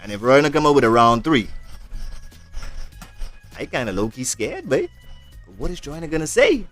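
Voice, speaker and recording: A man giving casual, jokey reaction commentary, talking back to a song and now and then yelping into high voices. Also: normal speed, faint music behind. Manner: animated, jokey, yelps into high put-on voices.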